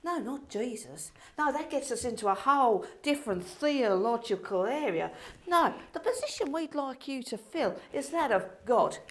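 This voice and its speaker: Woman playing a theatrical, high-voiced, gushing Saint Peter. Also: animated, normal speed, slight background noise. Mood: brisk, officious. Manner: theatrical, emphatic, gushing, giggly. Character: bubbly, bossy Saint Peter interviewing for a new God. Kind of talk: comic stage acting.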